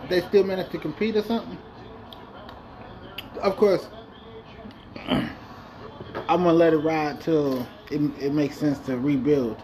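A man's voice: a little high, steady tone, unhurried, long pauses, a little mellow, low-quality recording. A man talking through a basketball video game franchise in loose, profane, rambling chat. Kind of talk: casual gameplay commentary.

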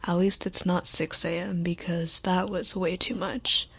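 A woman's voice: fairly low pitch, flat delivery, measured pace, creaky, fairly bright tone, breathy edge, lo-fi sound. A young woman hosting her own podcast, chatting casually and rambling with lots of "like" and "um". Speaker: podcast host. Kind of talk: casual late-night solo podcast chat.

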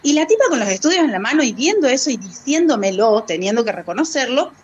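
A woman's voice: fairly high pitch, very animated, fast talker, husky, lo-fi sound. A woman guest speaking as a fat activist, telling a personal story in a hesitant way, with many fillers and laughs between phrases. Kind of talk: conversational storytelling.

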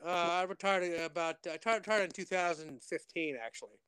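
An older man reminiscing as an interview guest, restarting his sentences and acting out what others said. His voice is high-pitched and resonant, and the sound is dry and close. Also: fairly quick, pushed and bright, clean tone, dry recording. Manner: rambling, many restarts, quotes others in dialogue. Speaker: interview guest, retired Air Force officer. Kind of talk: casual spoken interview.

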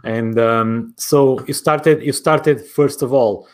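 Man, Portuguese accent, native Portuguese speaker, interviewer, conversational, wordy and rambling, mid-pitched voice. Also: fairly even intonation, slow pace, darkish tone. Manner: wordy, rambling lead-ins to questions.

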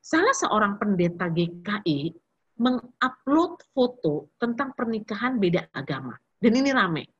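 Woman, fifties, casual sermon, chatty, slang and English words, husky, very lively pitch, dull recording. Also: unhurried. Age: 50s. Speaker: preacher speaking to young people. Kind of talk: casual sermon with personal stories.

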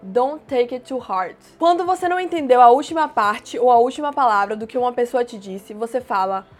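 A woman teaching everyday English phrases, explaining plainly and repeating each phrase slowly. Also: fairly high pitch, lively intonation, soft background music. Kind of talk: casual language lesson.

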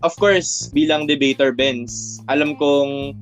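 A man's voice: mid-range voice, steady tone, slow pace, soft background music. A young man hosting a casual student podcast in Taglish, teasing his guests with playful questions. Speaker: host.

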